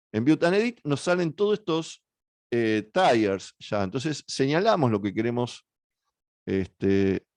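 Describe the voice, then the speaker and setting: Hesitant Argentine man teaching software. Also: medium pitch, no room sound, studio quality. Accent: Argentine Spanish. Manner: hesitant, many fillers and self-corrections. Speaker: workshop instructor. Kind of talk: software tutorial walkthrough.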